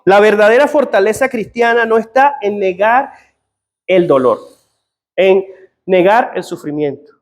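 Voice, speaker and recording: A man's voice: high voice, a little slow, pauses often. A middle-aged man preaching a sermon as pastor, telling personal stories in an earnest way. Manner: earnest, personal storytelling with quoted dialogue.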